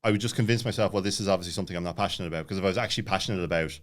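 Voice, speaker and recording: A man in his late thirties with a lowish voice speaks quickly and casually as a podcast guest sharing his own story, frequently circling back and restarting sentences.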